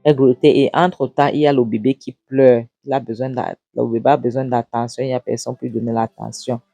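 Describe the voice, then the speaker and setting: A woman's voice: extremely low pitch, little pitch movement, fast talker, creaky, mellow, dry recording, faint music behind. Woman casually retelling a film. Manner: retells scenes, repeats words, restarts often. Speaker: film recap narrator. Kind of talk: casual film recap narration.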